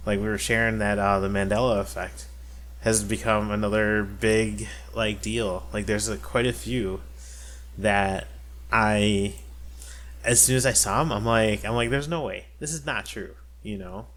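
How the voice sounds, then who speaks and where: A man's voice: fairly low pitch, flat delivery, unhurried, fairly bright tone. A man co-hosting a podcast in casual chat, rambling with many fillers and restarts. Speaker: podcast co-host.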